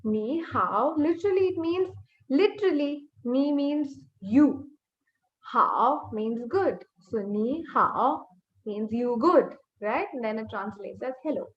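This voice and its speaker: A woman's voice: high voice, takes it slowly. A woman teaching a beginners' online language class, explaining step by step and drawing out sample syllables to demonstrate. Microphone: computer mic on a video call. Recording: dull, echoey webinar audio.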